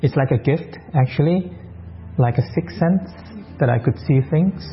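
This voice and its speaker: A man working as a live interpreter voice, rendering a pastor's words into English in the first person in short, halting phrases with restarts. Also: on the high side. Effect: live interpreter voice, translating a pastor into English in the first person. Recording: muffled radio broadcast with faint music bed.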